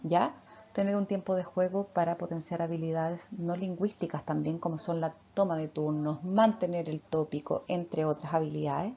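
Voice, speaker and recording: A woman's voice: fairly low pitch, gravelly, a little mellow. A woman speech therapist, giving parenting advice and often checking in with short tag questions. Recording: slightly muffled with faint background noise.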